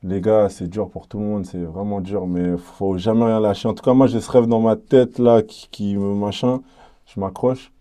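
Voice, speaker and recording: A young man from French Guiana speaks with a French Guianese accent. His voice sits fairly low and sounds very dark and mellow, and he talks in a relaxed, halting way, full of fillers, as an interviewed rapper. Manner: relaxed, hesitant, many fillers and restarts. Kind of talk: casual interview chat.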